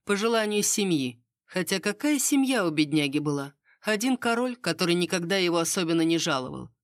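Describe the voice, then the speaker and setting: A woman reading the part of a knowing court lady who passes on rumors in a hushed, conspiratorial, bitter way. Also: lowish voice, lively intonation, a little fast, no room sound, studio quality.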